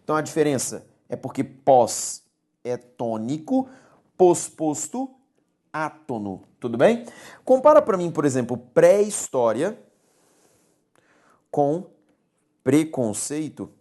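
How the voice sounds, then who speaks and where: A woman with a low, mellow voice teaches a recorded grammar lesson. She explains patiently, repeating key words and pausing to check that her students follow. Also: big pitch swings.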